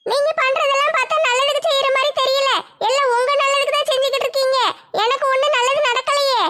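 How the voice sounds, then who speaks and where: A woman's voice: very high-pitched, level tone, fast, bright, forceful tone. A woman voicing a stubborn, defiant young woman in a comedy sketch. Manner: defiant, scolding.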